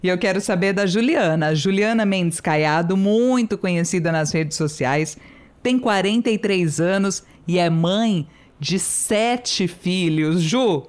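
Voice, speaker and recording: A Brazilian woman host with a fairly low voice guides the chat. She asks short, friendly questions. Her Brazilian Portuguese accent is clear throughout. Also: slow. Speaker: talk show host. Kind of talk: casual chat.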